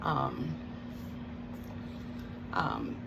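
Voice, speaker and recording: A woman chewing gum while she gives a casual, hesitant, rambling spiritual talk as a tarot reader. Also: very slow. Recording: loud background noise.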